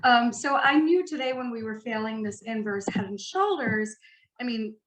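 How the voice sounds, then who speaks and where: A woman presenting a live trading webinar, talking excitedly and quickly as she walks through her screen. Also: a little high, reverberant, poor audio. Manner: excitable, fast-talking, chatty. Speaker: guest trader presenting a webinar.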